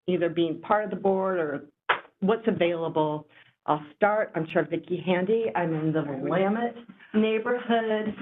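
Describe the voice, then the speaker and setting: Woman running a board meeting, halting, casual, tinny sound w/ a bit of noise. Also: fairly low pitch. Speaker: board chair leading the meeting. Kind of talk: informal meeting facilitation. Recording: tinny, phone-like audio with faint noise.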